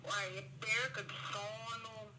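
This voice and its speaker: A woman's voice: on the high side, little pitch movement, takes it slowly, pushed and bright. Woman caller on speakerphone. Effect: heard over a phone on speakerphone. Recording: noisy speakerphone call.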